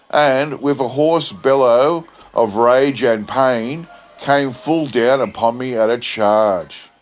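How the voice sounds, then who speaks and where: A man voicing a laconic bush drover who spins a tall tale in a deadpan, grave outback drawl. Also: mid-range voice, natural voice. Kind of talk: dramatic bush yarn storytelling.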